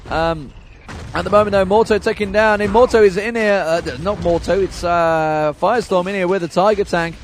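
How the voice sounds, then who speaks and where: Fast high-voiced male game commentator. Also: steady tone, a little hiss or hum. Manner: rapid play-by-play, chuckles often. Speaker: esports commentator. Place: noisy LAN event hall.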